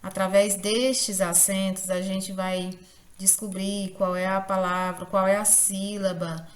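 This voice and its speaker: Female teacher, deliberate, stresses syllables, unhurried, echoey room sound. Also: medium pitch, level tone. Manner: slow, careful, stresses syllables. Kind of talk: grammar lesson.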